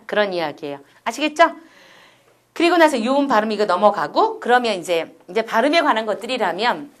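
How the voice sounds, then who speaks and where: A woman's voice: a little high, fairly bright tone. A middle-aged woman giving a recorded university lecture, explaining step by step and often asking her listeners rhetorical questions.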